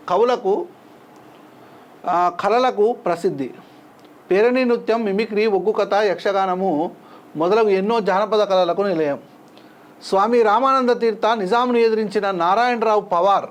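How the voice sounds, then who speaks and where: A man teaching a textbook lesson, saying each word twice and explaining it slowly for his students. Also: sits high.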